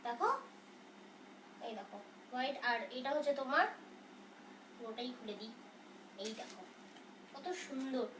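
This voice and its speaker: A soft-spoken woman selling sarees on a live stream, talking in a chatty, reassuring way as she answers viewers' questions. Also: high voice, moderate pace, long pauses. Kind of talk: casual live sales talk. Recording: roomy, from a distance, faint noise.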